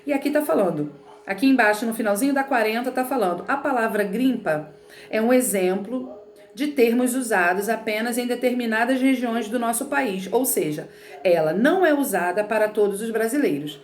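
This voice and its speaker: A woman's voice: a little high, moderate pace, echoey room. A woman teacher from Rio de Janeiro with a Carioca accent, explaining a textbook lesson in a chatty way and often checking in with her students. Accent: Carioca Portuguese. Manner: chatty, explanatory, frequent "né" and "tá bom". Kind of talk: remote lesson reading from a textbook.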